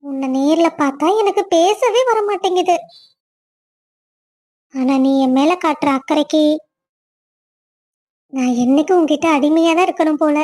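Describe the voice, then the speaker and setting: Woman voicing a very high-pitched tearful young wife. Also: moderate pace, pauses often, darkish tone, close to an everyday voice. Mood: longing. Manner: emotional, weepy, pleading. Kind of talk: cartoon family drama voice acting.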